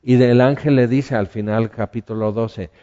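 Mellow man preaching. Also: mid-range voice, steady tone, normal speed, dull audio. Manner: conversational, asks the listeners questions. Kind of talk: sermon.

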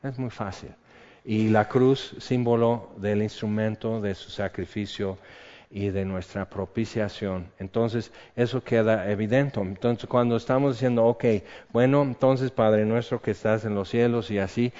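A man's voice: fairly low pitch, fairly even intonation, unhurried, dark tone. A man preaching a sermon as a pastor, talking in a conversational way and putting questions to his congregation. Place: church hall. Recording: muffled sound in a reverberant hall.

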